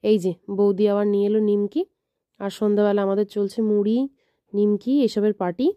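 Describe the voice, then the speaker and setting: A woman's voice: completely flat delivery, fairly quick, no room sound. A woman with a Bengali accent narrating her days at home in a casual family vlog, filmed on a handheld phone. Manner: coos high and sing-song to a baby; speaks hushed and low in the morning. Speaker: vlogger.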